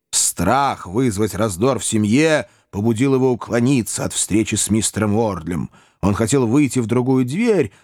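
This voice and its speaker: A man narrating a classic novel as an audiobook reader, in measured storytelling. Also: on the low side, no room sound, clean studio sound. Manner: measured storytelling, animated delivery. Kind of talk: scripted narration.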